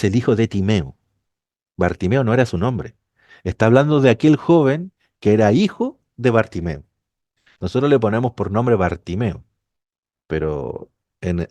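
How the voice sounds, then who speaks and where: A man's voice: lowish voice, mellow, no room sound, studio quality. A man preaching a sermon, explaining a passage to his congregation and rising to emphatic peaks.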